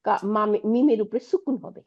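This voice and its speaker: A woman teaches an online Quranic Arabic lesson, patiently explaining and asking her students questions to check understanding. Her husky voice is fairly high and a little fast, and the audio's highs are cut off.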